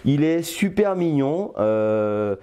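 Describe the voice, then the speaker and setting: A man's voice: a little high, very animated, slow pace, warm tone, smooth, muffled recording. An older man reviewing a toy blaster in casual, playful chat, often stopping to hesitate. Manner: chatty and playful, with many hesitations.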